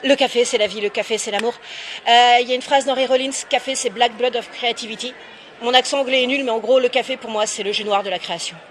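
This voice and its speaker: A woman author in her young adult years fields interview questions at a quick pace, her voice a little high, with a slight hiss or hum in the audio. She answers lively and candidly, hesitating often in a casual way.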